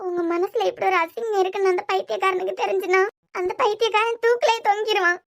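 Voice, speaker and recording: A woman's voice: very high voice, steady tone, fast, fairly bright tone, no room sound, soft background music. A woman voicing a young wife in a cartoon series, crying and accusing her husband. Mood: distraught. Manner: crying, pleading, reproachful. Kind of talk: cartoon web series voice acting.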